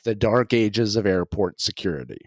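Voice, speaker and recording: A man's voice: fairly low pitch, lively intonation, normal speed, no echo, studio quality. A man hosting a podcast, telling a story in a casual chat and laughing often. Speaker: podcast host.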